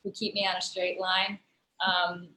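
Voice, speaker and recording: The poor, reverberant audio carries a woman's fairly low, bright, forceful voice, level in tone and measured in pace. She is an American digital storyteller and musician, a guest on a remote interview over a video call. In casual conversation she explains her work at length, thoughtfully and with many fillers.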